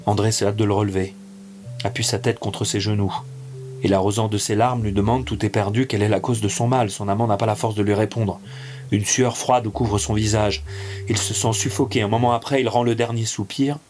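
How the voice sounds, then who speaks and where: Low-voiced man reading a tale. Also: fairly even intonation, brisk, darkish tone, slight background noise. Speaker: narrator. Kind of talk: literary reading over music.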